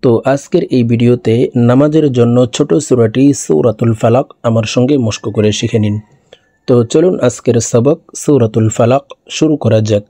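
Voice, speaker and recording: A man's voice: medium pitch, mellow, dry recording, clean studio sound. Man teaching Quran recitation. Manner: slow drawn-out melodic recitation alternating with brisk explanation. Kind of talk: spelling out and reciting Quran verses for learners.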